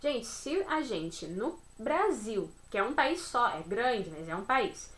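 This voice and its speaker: A woman's voice: fairly high pitch, big pitch swings, slow, fairly bright tone. Chatty Brazilian woman teaching a class. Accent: Brazilian Portuguese. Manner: chatty, friendly, checks in with "né?" and "beleza?". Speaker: Spanish teacher. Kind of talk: recorded online class over slides.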